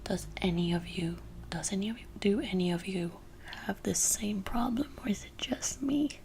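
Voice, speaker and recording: With a gravelly, slightly mellow medium-pitched voice at a moderate pace, this woman whispers for ASMR. She is in her twenties, from France, and rambles self-deprecatingly into a desktop USB mic in her lamp-lit home, with a little hiss or hum audible.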